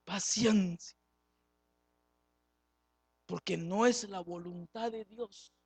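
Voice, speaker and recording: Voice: mid-range voice, very slow, husky, no echo. A preacher giving a sermon, speaking with passion, acting out the dialogue of biblical figures and questioning the congregation directly. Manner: impassioned, acts out biblical dialogue. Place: church service, streamed live.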